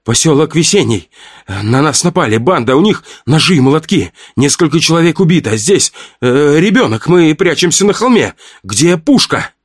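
A man voicing a desperate young woman who rattles off a rushed, breathless emergency call. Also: on the high side, very animated, dry recording, studio quality, voice pushed up. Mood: panicked. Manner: rapid, breathless, panicked.

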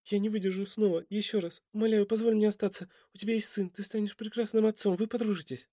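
Lera, a man doing a soft pleading young mother. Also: high-pitched, fairly even intonation, fast talker, no echo, studio quality, pitched above the performer's own voice. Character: frightened young mother pleading for her son.

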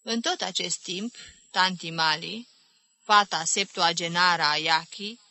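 A woman reading a literary novel aloud in a measured, ironic narrating manner. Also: lowish voice, pushed and bright, no echo. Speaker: audiobook reader. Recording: dry close studio recording.

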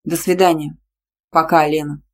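A woman's voice: deep voice, little pitch movement, moderate pace, lightly acted. A woman voicing a polite young man who stammers and hesitates. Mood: flustered. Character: polite, flustered young man, hopeful friend.

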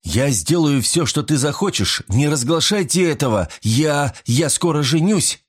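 A panicking card cheat, performed by a male narrator pleads and denies in a strained, lifted voice. The pitch swings widely. It is an audiobook reading of a crime story. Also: animated, unhurried. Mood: desperate pleading. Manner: desperate, protesting.

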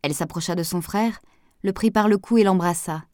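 Low-voiced woman reading a novel. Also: fairly quick, darkish tone, no room sound, clean studio sound. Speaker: audiobook narrator. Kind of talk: scripted narration.

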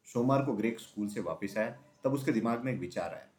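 A man narrates a children's story at an ordinary middle pitch. He keeps a steady pace and lowers his voice on the tags after each quote. His voice carries a roomy echo. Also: quick pace. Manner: steady, drops voice on dialogue tags. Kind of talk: reading a children's story aloud.

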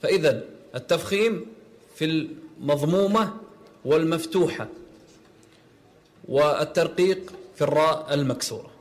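A man's voice: fairly high pitch, moderate pace, long pauses. A man teaching Quran recitation rules, patiently repeating words and correcting their pronunciation.

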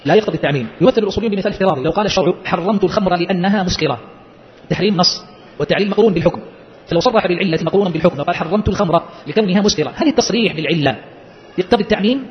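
A man lectures on a legal text at a very fast clip and keeps firing short questions at his listeners. His voice sits high, and the recording is a little muffled. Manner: quizzes listeners with quick rhetorical questions. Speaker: Islamic jurisprudence teacher. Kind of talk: explaining a legal-theory text.

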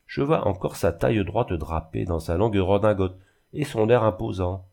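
A man's voice: lowish voice, moderate pace, creaky, dark tone. A man voicing a proud older widow in a reading of a classic novel, speaking coldly and curtly, with emphasis. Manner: cold, curt, emphatic.

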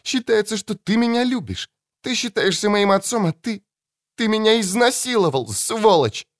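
A woman's voice: mid-range voice, animated, moderate pace, voice pushed up, natural voice. A man voicing a shrieking, sobbing young woman. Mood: furious, sobbing. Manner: shrieking, bitter accusations. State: crying, short of breath. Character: furious tearful young woman, narrator's daughter.

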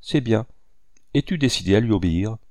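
A man reading an audiobook, voicing a huge, brutal male conspirator who speaks gruffly and with contempt. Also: lowish voice, expressive, a little fast, dark tone, no echo, studio quality. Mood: scornful.

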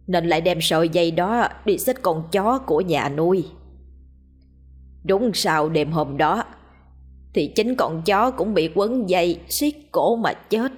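A woman's voice: on the low side, lively intonation, a little slow, slightly rough. A woman voicing a grieving village wife who pleads with the elders humbly and tearfully. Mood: recounting.

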